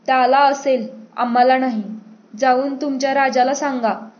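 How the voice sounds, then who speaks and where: Arrogant drunken male chieftain, voiced by a woman, sneering, shouting, raised pitch, muffled lo-fi sound. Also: level tone, normal speed, lightly acted.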